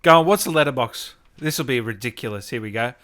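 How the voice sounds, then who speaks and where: A man's voice: medium pitch, fast talker, a bit bright, clean tone. A man co-hosting a casual film podcast, reacting to ratings with exaggerated, mock-outraged disbelief. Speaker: podcast co-host. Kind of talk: casual comedic banter. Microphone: podcast mic, remote recording.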